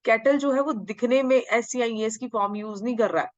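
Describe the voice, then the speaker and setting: Woman teacher, exam-prep grammar lecture, slow drawn-out lines, dry slightly dull sound. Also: on the high side, no echo. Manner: mixes Hindi and English, drawls English sentences slowly, asks and answers own questions. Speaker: English teacher.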